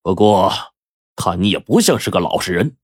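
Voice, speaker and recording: A man doing a slow, menacing bandit. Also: lively intonation, no room sound, clean studio sound. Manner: slow, low, threatening. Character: menacing male bandit with a broad blade. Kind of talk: storyteller's acted dialogue.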